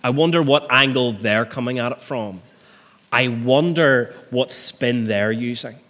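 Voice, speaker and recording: A man's voice: mid-range voice, a little slow, a bit bright. A middle-aged man preaching a sermon as a minister. He builds to emphatic peaks and often repeats words as he restarts.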